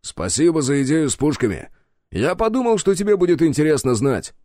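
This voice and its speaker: A man's voice: fairly high pitch, big pitch swings, a little fast, dark tone, voice pushed up. A man voicing a stern adult male captain in an audiobook, curt and commanding. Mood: matter-of-fact. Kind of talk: audiobook character voice.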